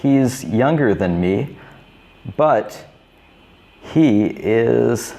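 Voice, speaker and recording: A man in his thirties teaching beginner English, repeating each simple phrase slowly and clearly. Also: medium pitch, expressive, warm tone. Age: 30s. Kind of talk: slow, repetitive teaching for beginners.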